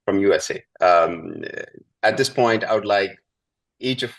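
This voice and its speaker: Male moderator, deep voice, hesitant phrasing, informal hosting of an online panel. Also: lively intonation, a little slow, creaky. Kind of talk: informal spoken panel introduction. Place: online video call.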